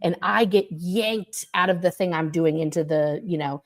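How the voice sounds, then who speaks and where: A woman on a video call, telling her past experiences as a guest in a casual, animated way with fillers and swearing. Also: lowish voice, moderate pace. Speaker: guest, former member recounting experiences. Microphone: computer mic on a video call.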